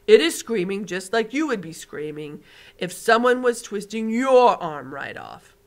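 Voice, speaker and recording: A woman voicing a huge, gentle male giant with mangled grammar while reading a storybook aloud. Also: mid-range voice, big pitch swings, a little slow. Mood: earnest. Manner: loud, earnest, mangled grammar.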